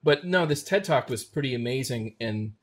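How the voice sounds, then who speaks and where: A man's voice: mid-range voice, lively intonation, normal speed. A man hosting a casual interview, easygoing and joking as he asks questions. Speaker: host. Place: radio show studio.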